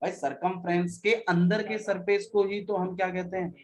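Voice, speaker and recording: A man's voice: high voice, little pitch movement, normal speed, a crowd in the background, poor audio. Man teaching a maths class. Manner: repeats key phrases, quizzes students, mixes Hindi and English. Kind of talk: classroom lecture.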